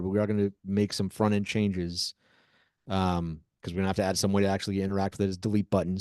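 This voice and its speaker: A man with a fairly low voice teaches programming in a live coding lesson. He dictates code word by word, leaving deliberate pauses between the pieces. The sound is dry and close, with very little room in it. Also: a little mellow, no room sound. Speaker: programming instructor.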